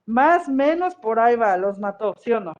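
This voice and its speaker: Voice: medium pitch, sing-song, moderate pace. History teacher lecturing, muffled audio. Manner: conversational, often checks in with the class. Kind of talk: classroom lecture.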